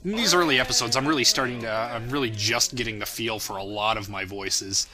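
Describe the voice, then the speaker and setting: Speaking a little fast in a medium-pitched voice, a young man rambles casually through commentary on his fan parody series, poking fun at himself.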